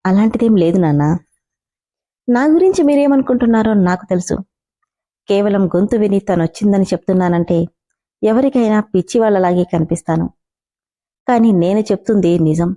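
A woman's voice: medium pitch, brisk, pauses often, mellow, close to an everyday voice. A woman voicing a heartbroken, stubborn young man who insists he is right, in a spoken storybook. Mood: sorrowful. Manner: pained, insistent.

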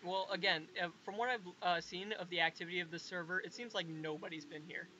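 A man with a high, bright voice chats casually over a gameplay session, often stalling with filler and stops. The recording is dull and lo-fi. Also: fairly even intonation. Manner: halting, keeps saying to hold on. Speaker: gameplay video host.

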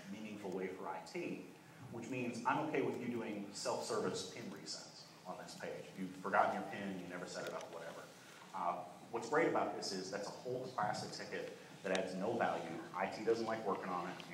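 A young man giving a conference keynote, talking quickly and fluently with frequent "uh" restarts, in a large hall. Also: lowish voice. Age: young adult. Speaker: keynote speaker. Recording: echoey hall, voice from far off, faint noise.

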